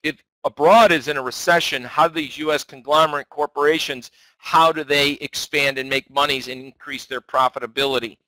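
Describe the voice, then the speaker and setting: Man, market commentary, conversational, self-correcting, crisp bright tone, close dry sound. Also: a little high, fairly even intonation, fairly quick, no echo, poor audio. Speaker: market analyst.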